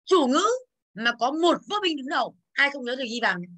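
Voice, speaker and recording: Bright high-voiced woman teaching a class. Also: expressive. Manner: brisk, calls on students by name, drills pronunciation. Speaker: English teacher. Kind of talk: classroom exercise review.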